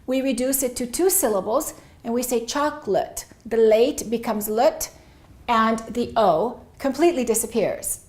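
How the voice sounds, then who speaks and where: A middle-aged woman teaching English pronunciation, speaking clearly and deliberately as she models words for her students to repeat. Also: fairly high pitch, darkish tone.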